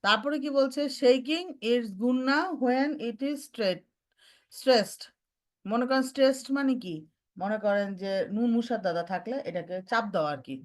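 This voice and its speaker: A woman teaching Quran recitation, mixing in English terms and demonstrating each sound slowly. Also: on the high side. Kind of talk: online recitation lesson.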